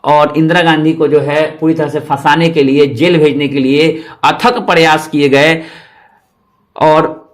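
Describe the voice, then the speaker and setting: A man's voice: fairly high pitch, steady tone, measured pace. A man giving an exam-prep history lecture, explaining each point twice and asking rhetorical questions. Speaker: history teacher.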